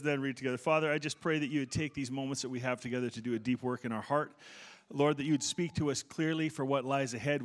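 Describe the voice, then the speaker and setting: Speaking at a medium pitch, a middle-aged man preaches to his church congregation in a chatty, good-humored way, poking fun at himself and frequently starting his sentences over.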